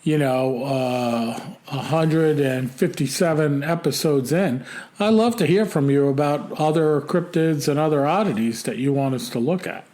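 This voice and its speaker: An American man with a slightly high voice co-hosts a relaxed podcast. He reads listener emails aloud in a chatty, upbeat way, laughing often. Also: measured pace. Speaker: podcast co-host reading listener mail. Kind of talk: casual podcast chat.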